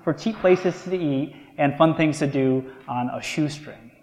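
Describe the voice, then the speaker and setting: A man preaching a sermon, telling a story in a conversational way and then slowing down to stress key words. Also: a little high, a little mellow, lo-fi sound. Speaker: pastor. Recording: echoey church hall.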